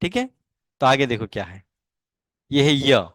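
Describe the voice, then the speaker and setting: A man's voice: mid-range voice, sing-song, normal speed, no room sound, clean studio sound. A man teaching a language lesson in Hindi. He drills syllables patiently and keeps asking questions and answering them himself.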